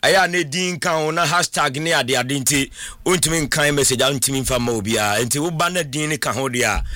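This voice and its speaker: A man's voice: fairly high pitch, brisk, pushed and bright, dry recording. A man with a Ghanaian accent hosting casual sports talk, who chimes in with short murmurs of agreement. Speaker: radio show host.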